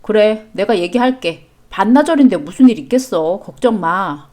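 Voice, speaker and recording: A woman's voice: medium pitch, lively intonation, normal speed, darkish tone. A woman reading a scripted chat story and voicing a protective young mother who scolds firmly. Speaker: story reader.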